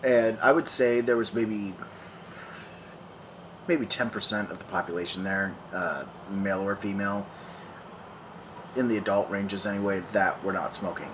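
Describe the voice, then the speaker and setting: Filmed on a phone on an evening street, this San Francisco vlogger in his 30s smokes and chats in a loose, rambling monologue. He speaks in a lowish voice, conversationally but haltingly, stopping often, saying um and starting over. Background noise is clearly audible in the recording.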